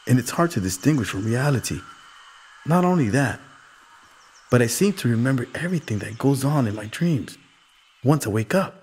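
A man's voice: mid-range voice, a little mellow, slight background noise, pitched above the performer's own voice, close to an everyday voice. A man voicing an anxious, troubled young boy who pleads and recounts things in a shaken way.

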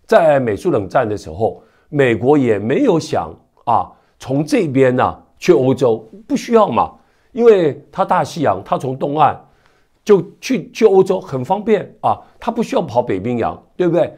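A man in his fifties with a stuffy nose and slight hoarseness from a cold, hosting conversational news commentary to camera on a lapel mic. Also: medium pitch, sing-song, normal speed, darkish tone. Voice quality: stuffy, strongly nasal from a cold. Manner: conversational, with frequent sentence-final particles and rhetorical tags. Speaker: news commentary show host. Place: indoor studio with virtual backdrop.

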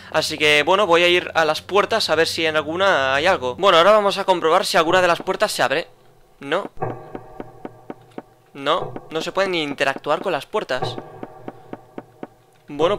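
Brief: man, let's-play commentator, chatty and rambling, bright, slightly high voice. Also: slight background noise. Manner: chatty, addresses viewers, rambling restarts. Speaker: gameplay commentator.

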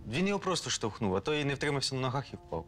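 A man's voice: medium pitch, sing-song, rapid-fire, fairly bright tone. An actor playing an evasive male restaurant musician who downplays what happened.

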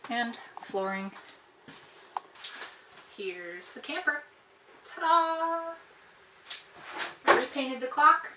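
A vlogger in her thirties gives a chatty, upbeat tour of her renovated camper, filmed inside the small trailer as she shows things off. Her voice is fairly high, with background noise behind it.

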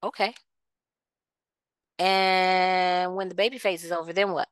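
A woman's voice: lowish voice, fairly even intonation, a little slow, clear, resonant tone, no room sound. A woman hosting a solo podcast, ranting with passion, repeating herself and firing rhetorical questions. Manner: impassioned, repetitive, rhetorical questions. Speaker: podcast host. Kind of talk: solo opinion rant.

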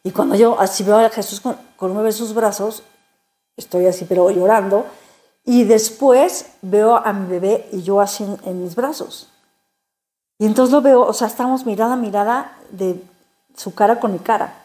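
A woman telling her faith testimony in an interview, emotional and halting, often repeating words. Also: medium pitch, warm tone. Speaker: interview guest.

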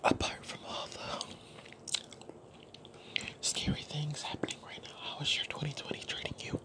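A young adult woman whispering a casual ASMR ramble while chewing gum. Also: moderate pace.

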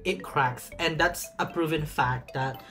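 Soft background music accompanies a fairly high, sharp-toned voice speaking unhurriedly. The young vlogger chats casually as he unboxes a bag in his small apartment room, dramatic and sassy, lengthening words to underline them.

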